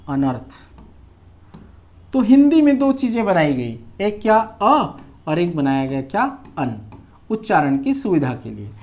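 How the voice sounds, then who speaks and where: A woman's voice: on the low side, a little mellow. A woman teacher explaining English articles in a classroom grammar lesson, patiently posing questions and answering them herself.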